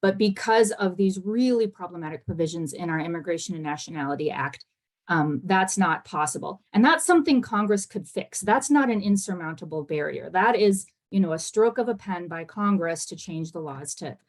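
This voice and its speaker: A woman immigration lawyer answering on a panel discussion over a video call, speaking quickly and earnestly with many fillers and restarts. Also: fairly low pitch. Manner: fast-talking, earnest, with frequent fillers and restarts.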